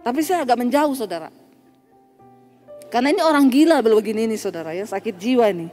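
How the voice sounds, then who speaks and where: A woman pastor giving an animated, emphatic sermon that keeps turning to address her listeners directly. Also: on the high side, fast talker. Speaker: preacher. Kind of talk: sermon with personal story. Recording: reverberant hall with faint music.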